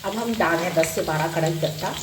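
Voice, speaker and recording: A woman with a lowish voice quickly walks through a recipe step by step in an indoor home kitchen, explaining and repeating steps as a home cook giving a tutorial. The recording carries roomy kitchen echo and loud cooking noise, with sizzling, stirring and clicks in the background.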